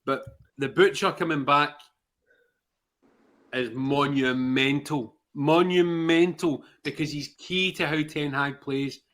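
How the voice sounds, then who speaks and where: A man with a Glasgow accent on a fan podcast. He is blunt, swears freely and leans hard on his points. His voice is bright, pitched slightly high. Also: moderate pace, hardly any pauses. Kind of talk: casual football podcast chat.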